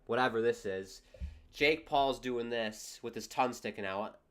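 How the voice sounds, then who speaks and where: Guy reacting to a boxing match live, kinda fed up and sarcastic, normal pitch. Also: moderate pace. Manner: wry, exasperated play-by-play. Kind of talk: casual live commentary.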